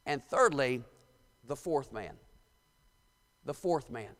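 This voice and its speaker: A man's voice: medium pitch, lively intonation, takes it slowly, fairly bright tone. A male pastor with a Midwestern American accent, preaching a sermon and reading scripture aloud with emphasis. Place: church sanctuary. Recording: long church hall reverb.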